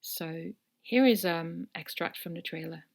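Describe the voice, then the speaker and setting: Lower-voiced enthusiastic podcast host woman. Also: unhurried, creaky, a little hiss or hum. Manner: enthusiastic, explanatory. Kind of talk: podcast presenting.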